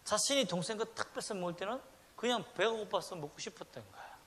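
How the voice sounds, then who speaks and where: A middle-aged man preaching a Sunday sermon, swinging between loud emphatic lines and hushed ones. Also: high voice, fast. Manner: animated preaching with sudden loud and soft swings, acting out quoted voices. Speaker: pastor.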